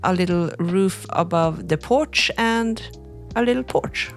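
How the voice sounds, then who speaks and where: A young Swedish woman hosts a crafting channel, narrating a tutorial at a relaxed, unhurried pace. Her fairly low voice has a gravelly edge, and she explains things chattily, dropping in lots of "like" and "you know." Soft music plays in the background.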